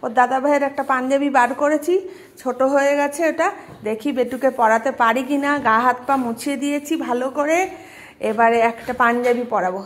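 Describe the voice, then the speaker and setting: A woman's voice: high voice, steady tone, brisk. A woman filming her dog at home, coaxing and scolding it in baby talk and turning aside to talk to viewers. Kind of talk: casual home pet vlog. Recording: echoey room.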